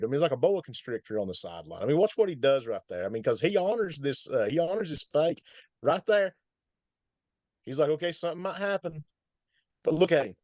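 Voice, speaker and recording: A man with an Appalachian hillbilly accent gives casual, emphatic football film analysis, folksy in tone and repeating points for stress. His voice is medium-pitched, with no room sound.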